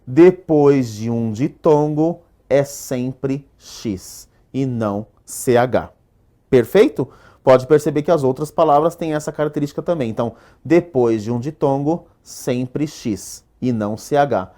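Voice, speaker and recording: A man with a Brazilian Portuguese accent teaching a recorded exam-prep lesson. He stresses each rule slowly and keeps checking in with "perfeito?". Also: medium pitch, mellow. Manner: drills rules with rhetorical questions, asks "perfeito?" often; slow, stressed delivery when stating rules.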